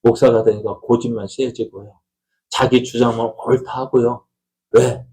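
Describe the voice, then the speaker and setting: A man's voice: medium pitch, little pitch movement, a little slow, dark tone, rough recording. A middle-aged man, a pastor, preaching a conversational Sunday sermon in a church, asking the congregation questions and acting out family quarrels. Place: church sanctuary.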